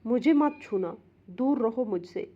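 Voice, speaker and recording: A woman's voice: fairly high pitch, expressive, narrow, tinny audio. A woman voicing a frightened young pregnant woman in labor who cries out in desperate pleas. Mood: screaming.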